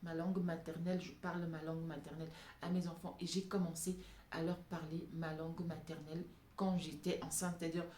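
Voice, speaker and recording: With a deep, dark voice, a woman from francophone Africa vlogs her passionate, spontaneous views to African women, stressing her points by saying them again and again. Echo and background noise fill the recording room.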